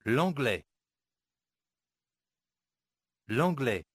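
A man serving as the native speaker model in a language course, saying words slowly and carefully, syllable by syllable, for drills. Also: mid-range voice, big pitch swings, fairly bright tone, breathy edge, dry recording, studio quality. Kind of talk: slow pronunciation drills.

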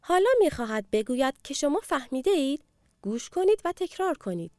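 A woman narrating a language course and clearly prompting the listener to repeat after the speaker. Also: high voice, very animated, warm tone, no room sound, clean studio sound. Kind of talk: scripted lesson narration.

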